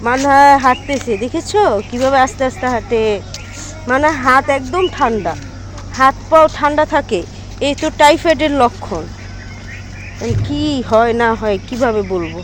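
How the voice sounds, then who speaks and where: A young woman, chatting to her viewers as friends in a casual family vlog and gently coaxing her little child, walking outdoors in a village with a phone camera. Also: high voice, normal speed, faint music behind. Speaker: vlogger and mother.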